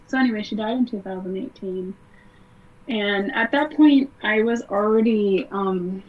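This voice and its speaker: A woman's voice: mid-range voice, breathy edge. A woman, a guest on an interview podcast, telling a personal story in a casual, conversational way, with many fillers. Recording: slightly distant, dull podcast audio.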